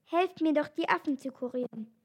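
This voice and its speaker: A woman reading aloud and voicing a kind, gentle male animal doctor who asks for help. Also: high voice, fairly quick, lightly acted. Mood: pleading.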